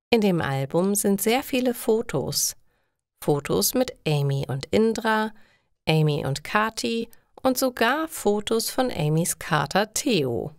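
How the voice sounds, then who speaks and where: Brief: woman storyteller for learners, deliberate reading, dry studio sound. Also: on the low side, no echo. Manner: slow, clear, deliberate reading. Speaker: narrator. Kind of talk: scripted narration for language learners.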